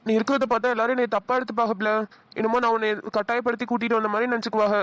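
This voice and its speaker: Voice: medium pitch, level tone, rapid-fire, fairly bright tone, no room sound, close to an everyday voice. A voice actor playing a caring young village husband in a cartoon, speaking in a coaxing, reassuring way. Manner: coaxing, reassuring, rustic address. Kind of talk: cartoon voice acting.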